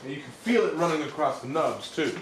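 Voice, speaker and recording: A man's voice: fairly high pitch, animated, fast talker. A man with a folksy, informal manner, chatting casually with viewers as a livestream host. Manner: folksy, informal address to the audience. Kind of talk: casual live-stream chat with viewers. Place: forge workshop. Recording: echoey workshop, loud background noise.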